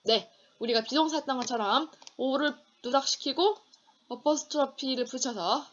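Woman teaching English grammar, slightly muffled. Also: high-pitched. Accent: Korean. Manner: slow, deliberate enunciation of English example sentences. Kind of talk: online grammar lecture.

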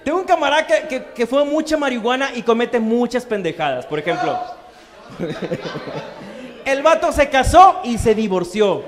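A man's voice: very high voice, lively intonation, moderate pace, crowd noise. A man doing a crude, slang-heavy stand-up comedy set on stage in a comedy bar. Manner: crude, slangy punchlines with acted-out quotes. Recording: live club with long reverb.

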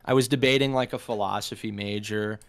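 A man's voice: on the low side, steady tone, fairly quick, vocal fry. Earnest young man, rambling about school. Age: young adult. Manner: earnest, rambling, many fillers. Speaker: college student guest. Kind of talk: casual podcast panel chat.

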